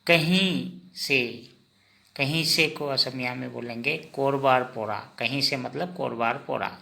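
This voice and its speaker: Slow, gravelly male language teacher. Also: mid-range voice, bright, forceful tone. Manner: asks the listener, then repeats the answer. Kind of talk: slow vocabulary lesson with repetition.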